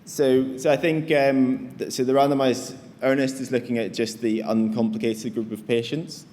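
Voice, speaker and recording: A man's voice: mid-range voice, level tone, normal speed, mellow. A man answering questions at a conference, hesitant with many restarts. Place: conference hall. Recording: long reverb of a hall, faint noise.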